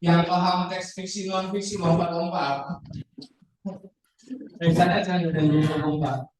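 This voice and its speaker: High-voiced male teacher, animated, picked up from far off in a boomy classroom. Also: a little slow, very echoey, background noise. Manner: lively, calls on students, jokes.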